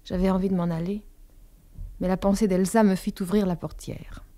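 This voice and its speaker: A woman narrates a literary novel in a calm, measured reading. Her voice is warm and mellow, with a middle pitch. It is an audiobook reading.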